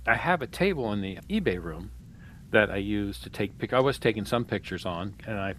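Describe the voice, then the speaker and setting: A man's voice: fairly low pitch, a bit bright, slight background noise. A man co-hosting a reselling podcast in casual chat, rambling and restarting his sentences, talking into a headset. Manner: rambling, restarts a lot, loose and profane. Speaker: podcast co-host.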